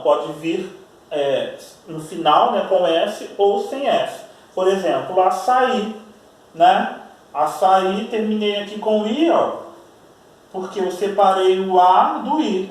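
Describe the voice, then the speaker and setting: A man teaching a Portuguese grammar lesson with a Brazilian accent, explaining patiently, drawing out example words slowly and checking in with his students. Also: high voice, a little mellow. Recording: echoey room, voice far from mic.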